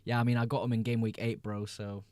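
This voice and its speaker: This young English livestream host chats easygoingly through viewer comments, reading each one aloud before giving his answer. He talks fast in a mellow, somewhat low voice, and the recording is close and dry, with no room sound around it.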